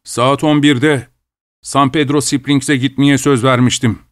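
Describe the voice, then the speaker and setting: A man's voice: medium pitch, fairly even intonation, slow, dry recording, studio quality, close to an everyday voice. A man reading aloud and voicing a sick, hard-drinking young man who talks in a boastful drawl. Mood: chatty.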